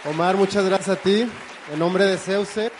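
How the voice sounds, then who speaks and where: A man's voice: sits high, steady tone, a little slow, crowd noise, background noise. A man giving polite, formal thanks to a speaker on behalf of the organizers. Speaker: event organizer.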